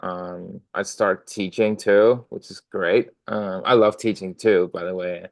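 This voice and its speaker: A young Danish drummer guests on a podcast, rambling in a friendly way with plenty of ums, fillers and restarts during casual interview talk. His voice is low, gravelly and steady, and his pace is unhurried. The audio is studio quality with no echo.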